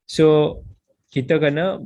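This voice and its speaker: A man's voice: fairly high pitch, fairly even intonation, takes it slowly, warm tone. A man with a Malaysian accent, a religious teacher explaining a book in a patient lecture, slipping English phrases into his talk.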